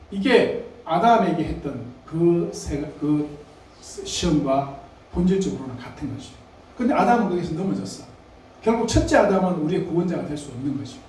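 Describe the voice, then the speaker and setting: A man's voice: a little high, mellow, a little hiss or hum. Man preaching in an echoey hall. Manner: conversational preaching, asks the congregation questions. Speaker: pastor. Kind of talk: sermon. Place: church sanctuary. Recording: echoey church hall, mic at a distance.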